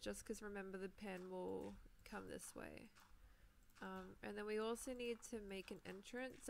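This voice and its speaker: There's a little hiss or hum behind this young woman's medium-pitched voice with vocal fry. She's a New Zealand Minecraft streamer recovering from a sore throat, chatting casually while she plays live, rambling with fillers and frequent laughs.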